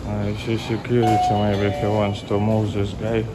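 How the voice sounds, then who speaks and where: A man from Russia with a Russian accent, chatting casually in halting, rambling English as a travel vlogger live-streaming. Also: on the low side, monotone. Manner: halting, rambling English with repeated filler words. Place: walking around city streets and shops at night. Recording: noisy city street, traffic and hum.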